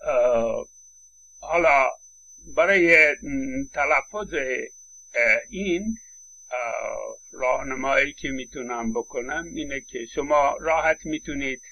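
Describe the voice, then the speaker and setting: A man's voice: mid-range voice, creaky, pushed and bright, dull audio. A man giving a university phonetics lecture, explaining step by step with frequent hesitation fillers and modeling vowel sounds aloud.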